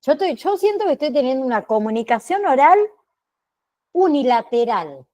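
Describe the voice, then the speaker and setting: A woman teacher giving an online class lecture, speaking deliberately and checking in with frequent tag questions. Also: high-pitched, sing-song, darkish tone. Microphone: computer mic on a video call.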